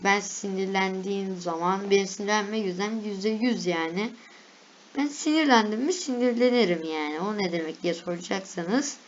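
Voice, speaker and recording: Young woman vlogger, casual chatty reactions, mid pitch, slightly dull recording. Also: moderate pace. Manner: chatty, reads lists aloud, laughs at herself.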